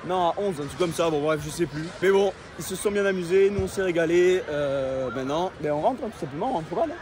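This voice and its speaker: A man talking casually to camera for a vlog, relaxed and hesitant. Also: a little high, quick pace. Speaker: vlogger. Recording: noisy outdoor street.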